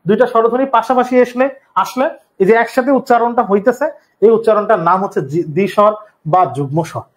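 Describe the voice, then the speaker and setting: Young adult male tutor, high voice, patient step-by-step live lesson delivery. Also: fast. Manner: repeats key terms, explains step by step. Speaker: teacher. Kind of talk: live online exam-prep lesson.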